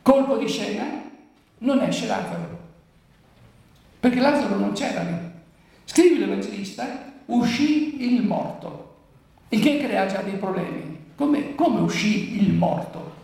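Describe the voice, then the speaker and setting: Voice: mid-range voice, lively intonation, a little slow, gravelly, long pauses, darkish tone. A preacher giving a Bible commentary talk who poses rhetorical questions and then answers them. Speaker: preacher explaining the Gospel. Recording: very echoey room, voice from far off.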